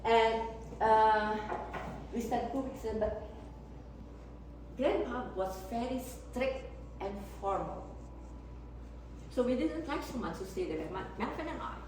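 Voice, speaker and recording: An older woman teaches an informal class in a didactic, emphatic way, listing words deliberately and repeating herself. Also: on the high side. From Indonesia. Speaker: etiquette teacher. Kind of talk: informal class lecture to family. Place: echoey indoor room, mic at a distance. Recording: echoey room, distant mic, faint noise.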